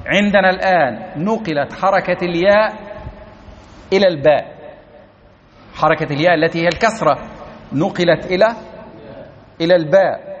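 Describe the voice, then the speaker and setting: Male teacher, higher voice, repeats and checks the class, dull lo-fi tape. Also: normal speed, long pauses. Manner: explains step by step, repeats key words, keeps checking the class understands. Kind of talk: classroom grammar lesson. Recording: dull lo-fi recording.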